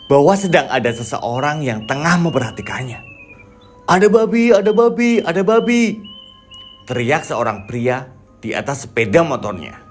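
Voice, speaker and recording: A man's voice: mid-range voice, breathy edge. Male narrator of a spooky folk tale. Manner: steady, measured storytelling. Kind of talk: scripted horror story narration.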